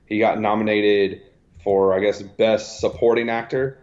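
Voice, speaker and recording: A man's voice: lowish voice, level tone, measured pace, darkish tone. A man co-hosting a movie podcast, chatting in a hesitant, hedging way. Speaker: podcast co-host. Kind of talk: casual chat. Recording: dull lo-fi sound.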